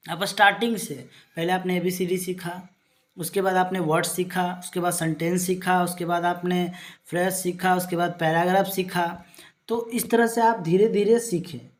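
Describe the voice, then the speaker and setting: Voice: mid-range voice, darkish tone. Rambling teacher explaining exam notes. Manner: reads English definitions slowly, then explains them in Hindi with everyday examples; loose, rambling delivery with frequent restarts. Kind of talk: exam-prep lecture.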